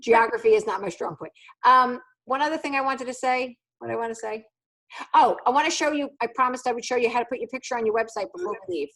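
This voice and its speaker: A woman's voice: a little high, fast talker, a bit bright. Blunt, teasing middle-aged woman trainer. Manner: blunt, teasing and jokey, mimics voices in quotes. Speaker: sales trainer leading a new consultant call. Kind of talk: casual motivational training talk on a video call.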